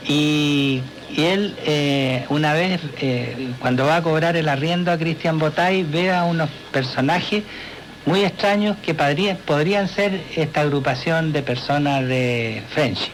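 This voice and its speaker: Man, radio co-host, hesitant, halting, fairly high pitch. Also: slight background noise, rough recording. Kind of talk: radio talk.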